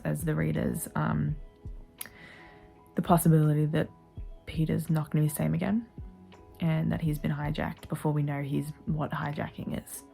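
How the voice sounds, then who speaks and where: A young woman recording a late-night reading vlog in her bedroom on her phone. She talks in a hushed, often half-whispered voice and gushes emotionally about the book. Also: sits low, vocal fry, rough recording. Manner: gushing and emotional. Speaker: book vlogger.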